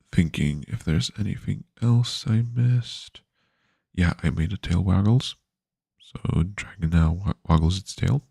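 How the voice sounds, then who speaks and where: A man's voice: sits low, gravelly, darkish tone, slightly rough, no room sound, studio quality. A man streaming his game development work, talking casually and sleepily with many fillers and restarts. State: yawny. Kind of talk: casual live-stream devlog.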